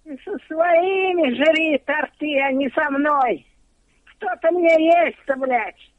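An older woman arguing on a phone call in a gruff, hostile, foul-mouthed way. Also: high-pitched, slow pace, dry recording. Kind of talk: prank phone call, casual argument. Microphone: telephone. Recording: dull lo-fi telephone line.

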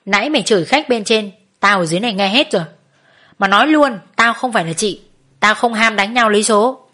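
A woman voicing a male brothel boss who speaks calmly and firmly. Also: medium pitch, brisk. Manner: calm, firm.

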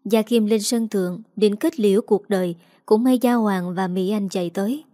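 Woman narrating a story, even read, mellow darkish voice, dry close sound. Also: mid-range voice, moderate pace, no echo.

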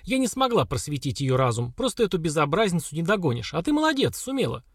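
A man's voice: fairly high pitch, big pitch swings, fast, husky, no room sound, studio quality, voice pushed up, heavily acted. A man voicing a stern, mocking older woman warrior who scolds the girls. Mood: scolding.

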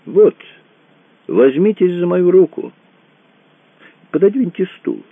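A man's voice: sits high, expressive, takes it slowly, gravelly, no room sound, pitched above the performer's own voice, heavily acted. A man voicing a courteous, fussy male escort who keeps urging someone along, in a tinny, dry recording. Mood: coaxing. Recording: tinny phone-like dry sound.

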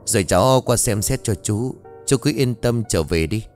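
A man doing a calm young talisman-maker. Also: lowish voice, normal speed, faint music behind, lightly acted.

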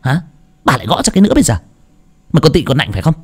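Sharp-tongued village aunt, shrill and very high, played by a man. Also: very animated, exaggerated voice. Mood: scolding. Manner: scolding, nagging, rapid-fire.

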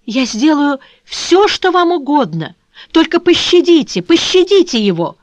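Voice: mid-range voice, very animated, normal speed, no room sound, pitched above the performer's own voice, natural voice. A reader voicing a frightened young woman who pleads tearfully for her fiancé in an audiobook. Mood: pleading. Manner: trembling, imploring, tearful. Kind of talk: audiobook reading.

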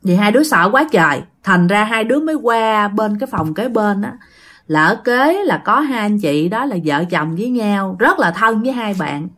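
A woman's voice: mid-range voice, animated, moderate pace, fairly bright tone. A woman with a Southern Vietnamese accent telling a spooky story in a chatty, casual way, talking straight to her listeners. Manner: chatty, addresses listeners directly. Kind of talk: casual ghost story narration.

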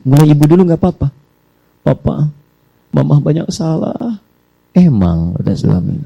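A man's voice: medium pitch, mellow. A male preacher giving a fervent sermon. He repeats words in waves and breaks into spoken prayers.

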